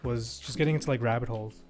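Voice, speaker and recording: Chill young dude on a stream, slangy and easygoing, music in the background. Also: male voice, medium pitch, fast. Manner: laid-back, slangy, short replies. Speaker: stream co-host. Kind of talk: casual chat.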